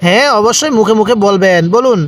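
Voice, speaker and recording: This Quran reading teacher from Bangladesh has a high, slightly bright voice and moves at a quick clip. In his step-by-step recitation lesson, he spells letters and vowel marks, stretches long syllables, and gets the listener to repeat.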